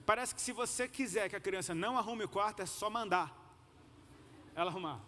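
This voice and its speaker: A little fast, a high-voiced Brazilian male preacher sounds pushed and bright as he addresses a congregation in a large, echoey hall with noticeable background noise. Speaking colloquial, slangy Brazilian Portuguese, he weaves personal anecdotes into a conversational sermon and has listeners repeat phrases.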